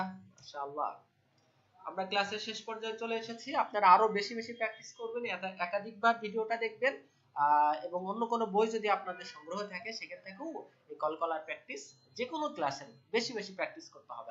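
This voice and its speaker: A man teaching Quran pronunciation in an online class, drawing out each word slowly so students can repeat after him. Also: high voice, a bit bright. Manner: slow, drawn-out modeling of words for students to repeat. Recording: dull lo-fi audio.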